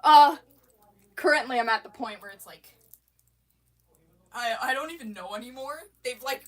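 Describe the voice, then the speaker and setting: A woman rambling casually on a livestream, full of fillers and restarts, excitable and quick to laugh. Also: sits high.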